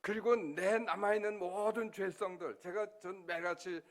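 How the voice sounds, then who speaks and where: A man's voice: sits high, fairly even intonation, normal speed. An older man, a pastor, preaching an emotional sermon in church, acting out his prayers and his dialogue with God. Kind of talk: sermon testimony. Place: church sanctuary.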